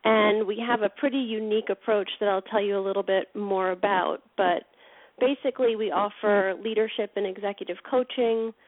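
A woman's voice: medium pitch, fairly even intonation, normal speed, dry recording. Enthusiastic woman on a phone line. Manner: enthusiastic, explanatory. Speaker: guest, leadership consultant. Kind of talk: radio interview. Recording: dry, tinny phone line.

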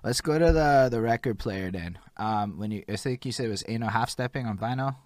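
A man's voice: mid-range voice, brisk, no room sound, studio quality. A man from Montreal hosting a casual interview, talking in an enthusiastic and conversational way. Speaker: podcast host.

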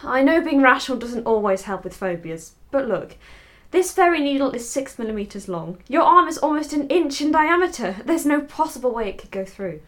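A woman acting in an audio drama as a brisk, no-nonsense member of a research base. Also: high-pitched, lively intonation, a bit bright. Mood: patient, firm.

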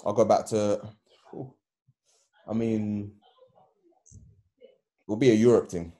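Man, London roadman accent, lowish mellow voice, slangy casual conversation. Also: steady tone, takes it slowly. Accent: London, urban street slang. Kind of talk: casual podcast group chat.

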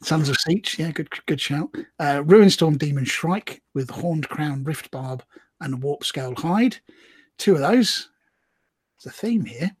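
A man talks through tabletop army lists in a casual podcast chat, tossing in quick asides and laughing easily. His voice sits a little high and sounds husky. The recording is dry and close. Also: expressive, no room sound. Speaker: podcast co-host. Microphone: remote call.

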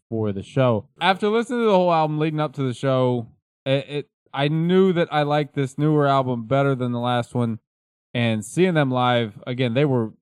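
A man's voice: medium pitch, darkish tone, clear, resonant tone, no echo, studio quality. A man co-hosting a casual music podcast, talking in a wry, rambling way and often correcting himself. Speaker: podcast co-host. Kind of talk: casual chat about music.

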